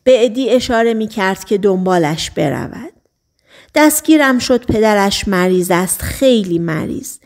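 A woman's voice: mid-range voice, animated, a little mellow. Woman reading a novel aloud. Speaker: audiobook narrator. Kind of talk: scripted narration.

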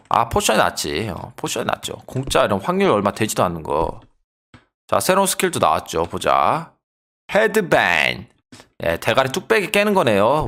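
A young man giving excitable let's-play commentary, yelling at enemies and joking with viewers. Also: mid-range voice. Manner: excitable, yells and trash-talks the game. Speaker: gaming YouTuber.

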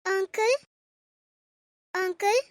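A woman's voice: very high voice, fairly even intonation, extremely slow, no echo, studio quality, exaggerated voice. A woman voicing a timid young bride in a cartoon, speaking meekly and hesitantly. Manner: meek, hesitant. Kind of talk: cartoon voice acting.

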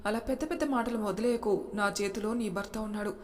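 A woman's voice: medium pitch, fairly quick, darkish tone, close to an everyday voice. A woman voicing a predatory wealthy male boss who taunts and threatens, with little change from her narrating voice. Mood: menacing. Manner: menacing, taunting. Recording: long reverb.

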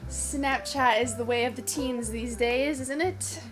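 A woman's voice: fairly high pitch, a little slow, loud music behind the voice. A young woman in her twenties, chatting and laughing in a teasing, bubbly way from her bedroom. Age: 20s. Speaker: vlogger. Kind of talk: casual chat and video-chat banter.

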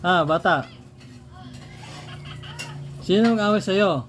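A woman's voice: lowish voice, slow, soft background music. Woman coaxing a child with playful questions. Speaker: vlogger. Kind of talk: casual home chat.

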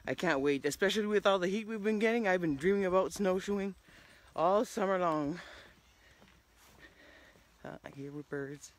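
A woman's voice: fairly low pitch, moderate pace, long pauses. A middle-aged woman chatting casually on a nature trail, rambling with lots of fillers, recorded on a phone held at arm's length outdoors. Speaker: hiking vlogger. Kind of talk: casual chat.

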